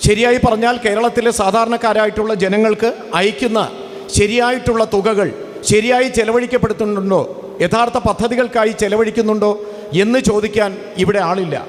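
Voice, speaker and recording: A man's voice: sits high, fairly even intonation, brisk, big-room sound. A man interpreting a campaign speech for a crowd in a formal, declamatory way with repeated phrasing.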